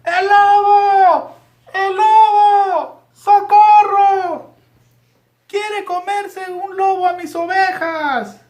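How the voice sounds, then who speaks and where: A man voicing a frightened shepherd boy, shouting for help in slow, drawn-out cries. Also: very high-pitched, steady tone, highs cut off, voice pushed up, heavily acted. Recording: echoey room.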